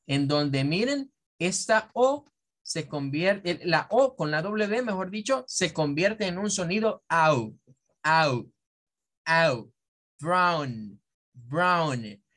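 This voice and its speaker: Guy teaching english vowel sounds, talks real slow, says every example sound again and again. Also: sits high, lively intonation. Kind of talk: classroom pronunciation lesson.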